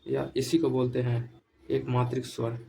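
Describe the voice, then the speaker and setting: A man teaching a grammar lesson, dictating slowly and repeating each point so students can write it down. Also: medium pitch, little pitch movement, vocal fry, warm tone, a little hiss or hum, low-quality recording.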